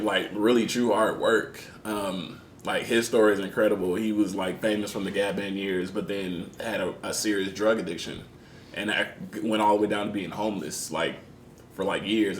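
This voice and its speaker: A young man, a guest musician, answering interview questions in a relaxed, casual way and filling his talk with "like" and "um". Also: normal speed. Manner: relaxed, lots of "like" and "um" fillers. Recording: roomy echo with faint rumble.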